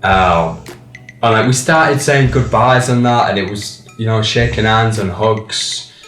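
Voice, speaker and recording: A man, a band member speaking reflectively and haltingly in a documentary interview. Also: on the low side, fairly bright tone, reverberant, distant mic, faint music behind.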